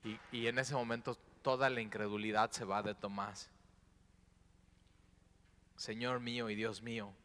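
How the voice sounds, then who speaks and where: Impassioned pastor preaching in a reverberant church. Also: male voice, fairly low pitch, little pitch movement, measured pace, long pauses. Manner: impassioned, swings from hushed prayer to loud exclamations. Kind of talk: sermon. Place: church sanctuary. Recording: church hall with long reverb.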